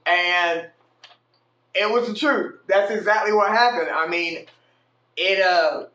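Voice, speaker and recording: A man telling a casual story about his own night out, animated and slangy, swearing freely. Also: high-pitched, takes it slowly. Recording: echoey room.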